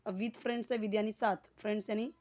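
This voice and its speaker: A woman with an Indian accent teaching an English lesson, reading English sentences slowly and explaining them word by word, with many "uh" fillers. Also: mid-range voice, flat delivery, a little mellow. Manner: frequent "uh" fillers when speaking English.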